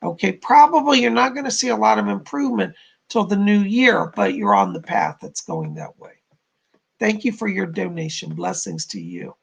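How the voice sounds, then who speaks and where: A man with a hoarse, croaky frog voice, giving live spiritual readings to donors as a psychic medium. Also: high-pitched, sing-song, moderate pace, highs cut off.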